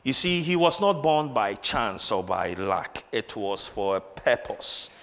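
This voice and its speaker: A man's voice: lowish voice, very animated, fairly bright tone. Emphatic male preacher in a reverberant hall. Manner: emphatic, repeats key words, reads scripture slowly. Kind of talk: Christmas sermon.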